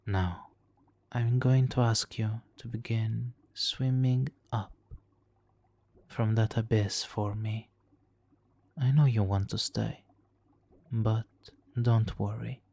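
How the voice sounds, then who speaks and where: A man's gravelly, darkish voice stays low and steady as he speaks slowly with long pauses, acting heavily. This audio roleplay performer voices a suave, manipulative supervillain in an ASMR hypnotic countdown: silky, theatrically polite, smugly doting, and occasionally whispering, keeping things soothing and hypnotic.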